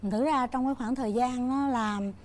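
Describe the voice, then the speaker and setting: A woman's voice: fairly high pitch, moderate pace, a little mellow. An older woman, a mother-in-law guest on a talk show, chatting in a rambling way with many fillers. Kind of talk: casual talk show chat.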